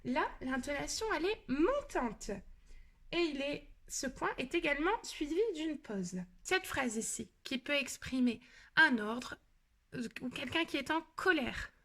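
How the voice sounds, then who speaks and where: Woman, French accent, primary school teacher, high voice, gentle explaining to a child. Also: lively intonation. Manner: explains slowly, addresses the pupil as tu, acts out example sentences with big emotion. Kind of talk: reading lesson for children.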